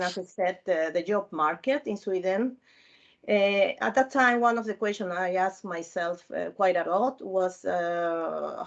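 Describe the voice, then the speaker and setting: A woman from Peru talks on a panel over a video call, and her audio comes through dull and muffled. She speaks haltingly, with many fillers and restarts, at a mid pitch. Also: a bit bright. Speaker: panel guest, former mentee. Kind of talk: casual panel talk.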